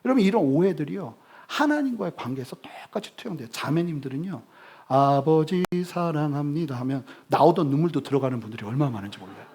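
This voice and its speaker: A male pastor giving a sermon, telling humorous stories with sudden loud bursts. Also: on the high side, very animated, racing, hardly any pauses.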